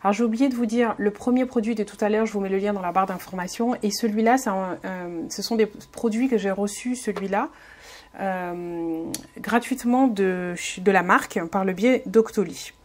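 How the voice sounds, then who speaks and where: This woman has a mid-range, darkish voice and talks at a normal speed. She's a beauty vlogger doing a laid-back tutorial voice-over, warm toward her viewers yet unsure, often restarting and filling pauses.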